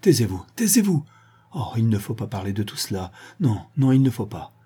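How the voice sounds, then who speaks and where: A man's voice: on the low side, fairly quick, mellow, slightly rough. A man voicing a solemn old Breton peasant woman. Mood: terrified. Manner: solemn, fervent.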